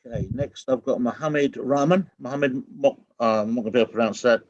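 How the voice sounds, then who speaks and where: A man co-hosting a webinar, friendly and brisk, introducing callers. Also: mid-range voice, a little mellow, lo-fi sound. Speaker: webinar co-host. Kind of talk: casual moderating.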